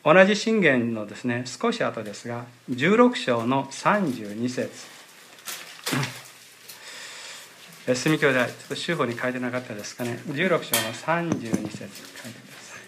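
A man's voice: medium pitch, expressive, measured pace, background noise. A man preaching as pastor at a church service, earnest and often padding his phrases with little fillers. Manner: earnest, pads phrases with "desu ne". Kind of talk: sermon.

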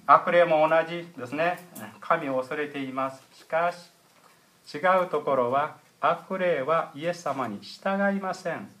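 A middle-aged man preaching a sermon as pastor, explaining in a measured way with frequent hesitation fillers. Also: on the high side, bright, forceful tone.

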